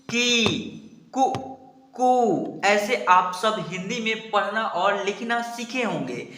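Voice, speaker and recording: A man from India teaching a spelling lesson, slowly spelling out syllables and explaining patiently. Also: high-pitched, sharp tone, echoey room. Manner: slow repeated spelling-out, explanatory.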